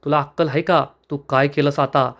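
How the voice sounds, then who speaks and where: A man's voice: on the high side, steady tone, normal speed, a bit bright. A man voicing an angry young man quarrelling with his brother, in a read serial recap.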